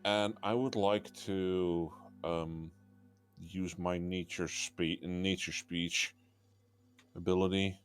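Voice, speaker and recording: Slow, halting male tabletop player. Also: deep voice, fairly even intonation, faint music behind. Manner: halting, gropes for words. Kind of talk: casual in-character play description.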